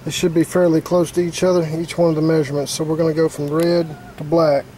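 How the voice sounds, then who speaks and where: A fast-talking HVAC technician explains a repair step by step outside by an air-conditioning unit, speaking casually and plainly with many fillers. His mellow voice sits on the high side and barely moves in pitch. The recording quality is poor, with slight background noise.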